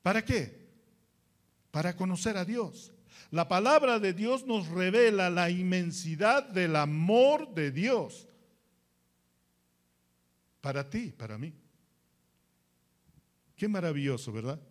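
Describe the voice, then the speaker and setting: Slow, high-voiced Peruvian pastor preaching. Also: male voice, lively intonation. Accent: Peruvian Spanish. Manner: slow, emphatic preaching with rhetorical questions. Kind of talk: sermon.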